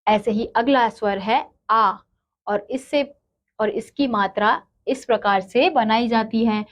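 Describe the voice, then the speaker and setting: A woman teaching a grammar lesson, asking questions and answering them herself. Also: a little high. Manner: slow, asks and answers her own questions.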